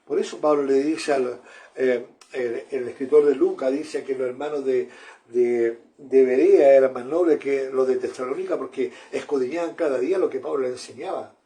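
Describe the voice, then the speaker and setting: A man's voice: mid-range voice, normal speed, dark tone. A man, preaching a sermon in an earnest manner, often repeating phrases and calling his listeners brother.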